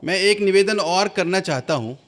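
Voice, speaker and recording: A man hosting an online seminar, speaking formally and earnestly, with frequent pauses and hesitations as he makes requests. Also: sits high, animated, a bit bright. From India. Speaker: webinar host.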